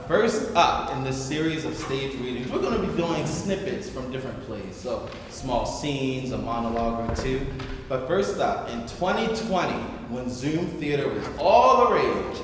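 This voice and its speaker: A man with a medium-pitched voice, lively intonation and an unhurried pace hosts a stage event, addressing a theater audience enthusiastically and theatrically before reading narration. The recording sounds distant, with echo from a large reverberant indoor hall and faint noise.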